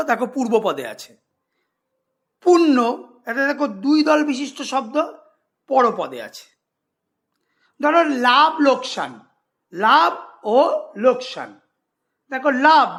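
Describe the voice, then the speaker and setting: A man's voice: very high-pitched, fairly bright tone. A man teaching a grammar lesson to school students, explaining patiently, repeating examples and checking if they follow.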